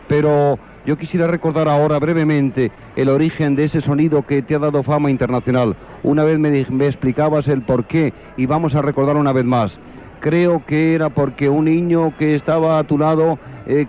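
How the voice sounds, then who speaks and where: A man's voice: on the high side, muffled recording, slight background noise. A man interviewing a guest outdoors at a street event, asking formal questions, heard on an old radio recording.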